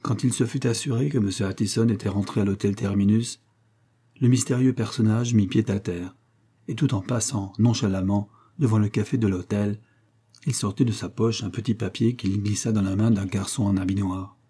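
A man narrating an adventure novel in a measured, even reading. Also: fairly low pitch, breathy edge. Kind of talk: audiobook narration.

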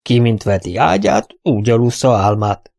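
A man's voice: medium pitch, very animated, vocal fry, darkish tone. A man voicing a domineering old spinster lady who speaks in curt, commanding sentences.

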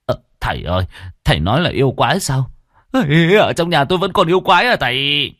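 A timid old villager from a spoken fantasy tale, stammering in a high, strained, thin voice. He pleads slowly and shakily. The room is dry and close. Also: sing-song, fairly bright tone, no room sound, full character voice. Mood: frightened stammering. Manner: stammering, trembling pleas. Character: timid old village man, terrified and grieving.

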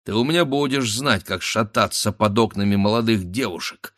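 A man's voice: on the low side, moderate pace, a bit bright, no echo, clean studio sound, lightly acted. A man voicing a bold, mocking young Cossack lad who rallies his friends.

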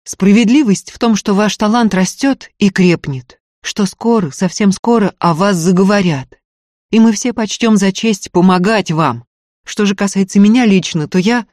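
An impulsive young man, a student, gallant and earnest, quick to flare up and quick to apologise, as a reader puts him on. Read close and dry, in the even register of a storyteller. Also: medium pitch, no room sound, pitched above the performer's own voice, close to an everyday voice. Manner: earnest, ardent, stammering apologies. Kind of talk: audiobook character voice.

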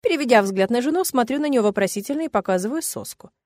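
A woman narrating a romance audiobook in the first person, in an even, measured storytelling manner. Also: a little high, no room sound.

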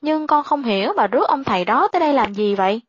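A woman's voice: on the high side, lively intonation, quick pace, slightly rough, lo-fi sound. Woman reading as a blunt young servant girl. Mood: puzzled.

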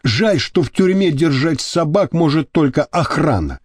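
A man's voice: a little high, expressive, measured pace, darkish tone, breathy edge, dry recording, clean studio sound. A man voicing a naive, earnest young male inmate who talks sheepishly. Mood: admiring.

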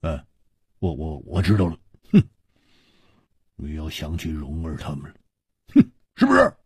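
Man playing a hearty hard-drinking swordsman, loud huffs, husky, lively pitch, storytelling broadcast. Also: normal speed, no echo, clean studio sound, full character voice. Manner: grumbling huffs and loud exclamations.

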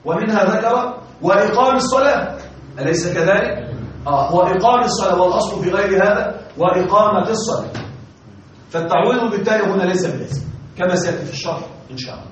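A man teaching Arabic grammar in a classroom lecture, constantly quizzing his students and pausing for their answers. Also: high voice. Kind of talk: classroom lecture with call-and-response questions. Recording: distant, echoey, dull lo-fi with faint hiss.

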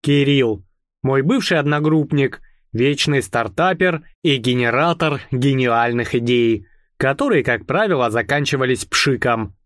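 Calm male audiobook narrator, dry studio sound. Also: mid-range voice, a little slow, no echo. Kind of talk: first-person audiobook narration.

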